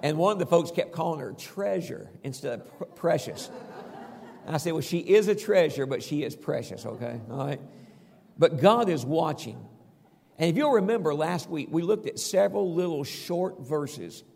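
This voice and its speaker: Folksy preacher, gravelly voice. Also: male voice, a little high, expressive, moderate pace, a little mellow, long reverb tail. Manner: folksy preaching with Scripture readings. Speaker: pastor. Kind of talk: sermon.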